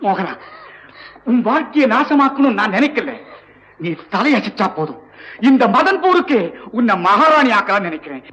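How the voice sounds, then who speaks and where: A man's voice: very high voice, big pitch swings, normal speed, pauses often, pushed and bright, muffled recording, slight background noise, exaggerated voice. An actor playing a domineering middle-aged king in a 1960s film, commanding. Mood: coaxing.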